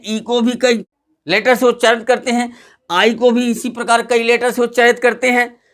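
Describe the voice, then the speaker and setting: High-voiced teacher. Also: male voice, a bit bright. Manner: explains step by step, asks and answers his own questions; addresses students as "beta". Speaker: English pronunciation teacher. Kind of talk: classroom lesson.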